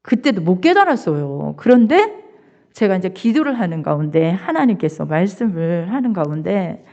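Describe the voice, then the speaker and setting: An older woman pastor preaching a sermon, telling a family story in an animated, expressive way. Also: moderate pace. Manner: animated, expressive storyteller with wide swings in pitch. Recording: dull lo-fi church recording.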